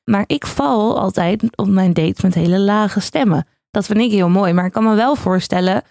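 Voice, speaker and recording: A woman's voice: mid-range voice, normal speed, gravelly, darkish tone, no room sound, clean studio sound. A woman chatting casually as a podcast co-host. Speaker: podcast co-host and radio worker. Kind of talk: casual chat.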